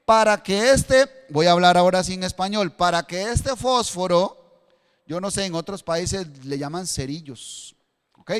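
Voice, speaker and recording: A Costa Rican man preaching in a high, clear, resonant voice. He shifts between quiet explanation and fervent emphasis, and his voice rings out with a long church-hall reverb. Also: moderate pace. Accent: Costa Rican Spanish. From Costa Rica. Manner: preaching with a matchstick demonstration, rising to fervent emphasis. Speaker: pastor. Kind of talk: sermon.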